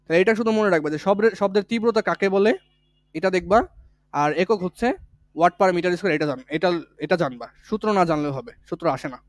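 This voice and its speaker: Male physics tutor, high-pitched, dry close sound, drills key points by repetition. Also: brisk, no echo. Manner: explains step by step, repeating key points; colloquial, with village words. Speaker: physics teacher. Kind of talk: online exam-prep lesson.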